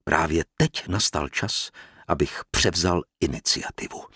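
A man narrating a novel in the first person, in a measured, expressive reading voice. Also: sits low, husky, dry recording, studio quality. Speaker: audiobook narrator.

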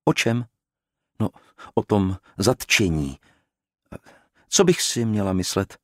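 A man's voice: lowish voice, sing-song, no echo, clean studio sound. A man voicing a cool, guarded young woman in an audiobook. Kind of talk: audiobook character reading.

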